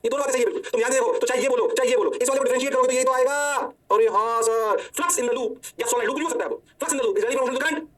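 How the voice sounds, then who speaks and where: A high-pitched male physics teacher with a Hindi accent races through his lecture at a rapid clip. He plays both teacher and student, answering his own questions with mock praise. His voice sounds a little distant from the microphone. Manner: playful, answers himself in a student's voice. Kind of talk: energetic lecture.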